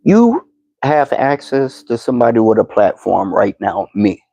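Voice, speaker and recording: A man in his fifties, a podcast host giving slow, deliberate motivational advice, with frequent fillers and repeated words. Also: mid-range voice, big pitch swings, creaky, dark tone, no echo, highs cut off. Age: 50s. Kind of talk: motivational talk to camera.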